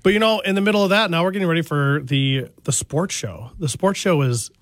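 A man's voice: a little high, fairly quick, no room sound. Chatty Midwestern man on dry studio mic. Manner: chatty, laughs easily, self-deprecating. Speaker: in-studio guest, retail store worker. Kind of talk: casual radio chat.

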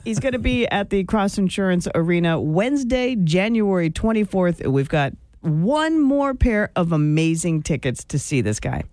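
A woman's voice: lowish voice, sing-song, normal speed, hardly any pauses, a little mellow, no echo. A woman co-hosting a morning radio show, chatty and giggly in casual banter.

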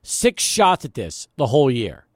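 A middle-aged man hosts a sports talk radio show from the studio, chatting with and prompting callers and punctuating his points emphatically. His medium-pitched voice swings hugely in pitch and moves a little slowly. The sound is clean studio quality with no echo.

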